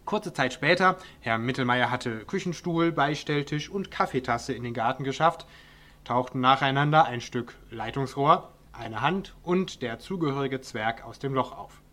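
A man's voice: medium pitch, normal speed, bright, forceful tone. A man reading a humorous story aloud in a dry, wry narrating manner.

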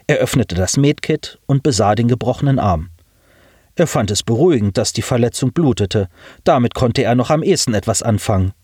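A man narrating a science fiction audiobook in measured, expressive storytelling. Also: mid-range voice, no echo, clean studio sound.

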